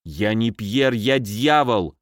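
A man's voice: on the low side, expressive, slow pace, dry recording, clean studio sound, voice pushed down. A man voicing a sly, mischievous male footman in an audiobook. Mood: sinister. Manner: sly, teasing.

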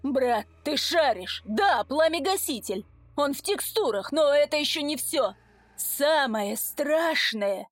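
A woman's voice: high-pitched, expressive, takes it slowly, no room sound. A woman voicing a big, tearful businessman and ex-convict gamer who bellows in prison slang. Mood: desperate. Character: burly sobbing businessman, ex-convict gamer, man.

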